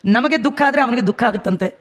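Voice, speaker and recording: A man giving a devotional sermon as a storyteller, animated and asking his listeners rhetorical questions. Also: very high-pitched, fast. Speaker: religious discourse speaker.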